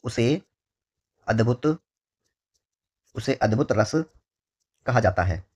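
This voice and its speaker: In an exam-prep lesson, a man with a husky, slightly breathy, mid-pitched voice and a darkish tone teaches animatedly. He says each key term slowly and more than once, keeps asking "ठीक है", and calls his students his dear children.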